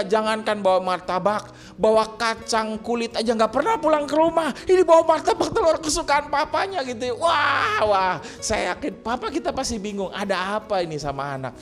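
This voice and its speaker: Lively man preaching a casual sermon. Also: high voice. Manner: lively storytelling, acting out quoted dialogue, joking and laughing. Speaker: pastor.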